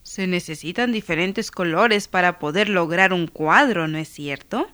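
A woman voicing a patient father explaining a lesson in a calm, lowered voice. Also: a little slow, no echo.

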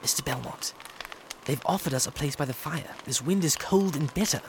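An actor playing a prim, formal gentleman with proper diction. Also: a little high, moderate pace, a little hiss or hum, close to an everyday voice.

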